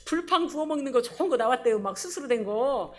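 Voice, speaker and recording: A woman's voice: sits high, fast talker. A middle-aged woman pastor preaching a sermon, laughing often and acting out little quotes. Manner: animated, laughing, acts out quotes.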